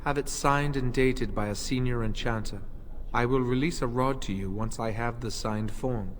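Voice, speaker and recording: An actor playing an emotionless, formal stockroom clerk in a fantasy video game, speaking in a sleep-inducing monotone. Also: male voice, mid-range voice, moderate pace, long reverb tail, a little hiss or hum, lightly acted. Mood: detached, formal. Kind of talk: video game dialogue acting.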